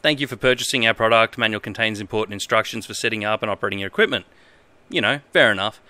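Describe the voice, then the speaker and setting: Seated at a desk in an indoor room, a thirtysomething Australian man livestreams, chatting loosely and doing a stop-start comic read-aloud with amused emphasis. He speaks fast in a lowish, sharp voice, recorded with no room sound.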